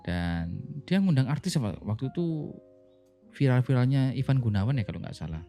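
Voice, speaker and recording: A man's voice: medium pitch, normal speed, soft background music. A man, a pastor telling stories casually on a podcast and acting out the dialogue. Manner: animated storyteller, acts out quoted dialogue.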